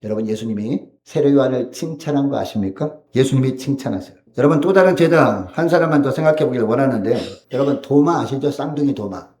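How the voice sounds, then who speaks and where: 울림 있는 교회에서 설교하는 남자 목사. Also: male voice, mid-range voice, quick pace, few pauses, darkish tone. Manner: earnest preaching with rhetorical questions to the congregation. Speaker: pastor. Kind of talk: sermon. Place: church sanctuary. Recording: echoey church hall.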